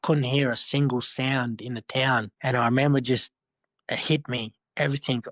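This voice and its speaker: An Australian man telling his life story, halting and repeating himself with frequent "you know". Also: mid-range voice, steady tone, fairly bright tone, no room sound. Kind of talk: personal storytelling.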